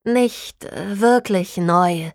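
A woman voicing a female detective agency owner who speaks in a polite, measured, businesslike way in a storybook reading. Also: medium pitch, no echo, clean studio sound.

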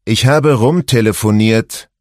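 Cast: male reader as a laid-back husband in his forties, low voice, raised a bit, dry recording. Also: normal speed, dry recording, close to an everyday voice. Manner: easygoing, speaking up over noise. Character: relaxed husband, man, 40s, stuck in a crowd.

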